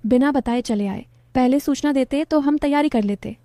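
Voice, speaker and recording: A woman's voice: high voice, moderate pace, warm tone, dry recording, clean studio sound. A woman reading an insistent fatherly host. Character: hospitable middle-aged father-in-law.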